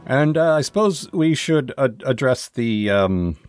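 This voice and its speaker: A man's voice: mid-range voice, expressive, measured pace, darkish tone, clean tone, soft background music. A man co-hosting a podcast, rambling and hesitant in casual chat. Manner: rambling, hesitant, many fillers. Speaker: podcast co-host.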